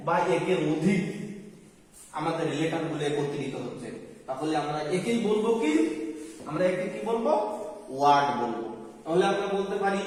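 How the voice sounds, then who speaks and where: High-voiced man teaching in an echoey hall. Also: distant mic. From Bangladesh. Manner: asks questions and answers them himself. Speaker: English teacher. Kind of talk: classroom grammar lesson.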